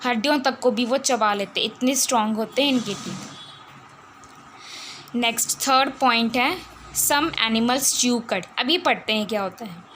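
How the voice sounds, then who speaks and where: Indian woman teacher explaining slowly. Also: a little high, fairly bright tone, slight background noise. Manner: reads English lines slowly, then explains in Hindi mixed with English; repeats words and asks rhetorical questions. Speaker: science teacher. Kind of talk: classroom lesson, reading text then explaining.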